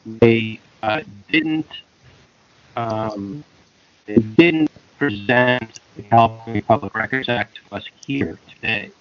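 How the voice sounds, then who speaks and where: A man chairing an online public hearing, speaking haltingly with many fillers while his audio keeps cutting out. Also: on the low side. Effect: choppy audio that keeps cutting out. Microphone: remote call connection. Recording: muffled lo-fi online call with dropouts.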